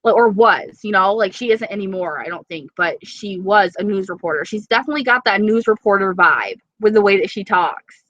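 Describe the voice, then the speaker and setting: A young beauty vlogger with an East Coast accent chats casually on a live stream, reading viewer comments and swearing freely. Her mid-range voice is brisk and a bit bright, though the recording is muffled.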